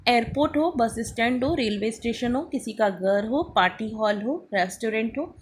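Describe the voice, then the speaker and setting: Woman teacher for a beginner language lesson, slightly high voice, slow patient spelling drills, faint hiss behind. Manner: slow, spelled-out drill words, prompting students to repeat. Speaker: English teacher. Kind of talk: beginner English lesson explained in Hindi.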